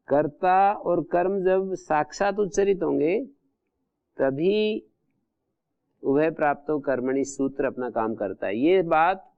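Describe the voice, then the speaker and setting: A man delivers a classroom grammar lecture in a fairly high, gravelly voice that stays smooth and resonant. He works through each rule methodically, repeating terms and explaining them one by one. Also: phone-quality sound. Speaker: Sanskrit grammar teacher.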